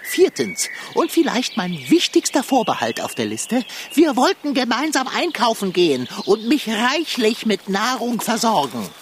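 A man's voice: extremely high pitch, huge pitch swings, unhurried, few pauses, slight background noise, exaggerated voice. A man voicing a fat, pompous male tomcat who nitpicks, lectures and longs for food, in a children's radio play. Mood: lecturing. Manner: elaborate, lecturing, know-it-all phrasing.

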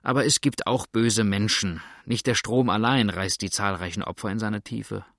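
A man reading an old, kindly traveller in an audiobook, speaking calmly and reassuringly. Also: lowish voice, normal speed, no room sound, studio quality. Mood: grave. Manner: calm and reassuring.

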